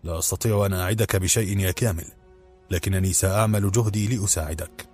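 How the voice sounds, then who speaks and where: A man's voice: low-pitched, steady tone, fast, a little mellow, faint music behind, lightly acted. A man voicing a jovial, worldly aristocratic prince who talks in a hearty, teasing, confident way. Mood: serious.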